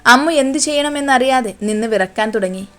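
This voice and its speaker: A woman reading a romance story aloud at an even pace. Her voice sits a little high for a woman, and she keeps the quoted lines soft. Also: fairly quick.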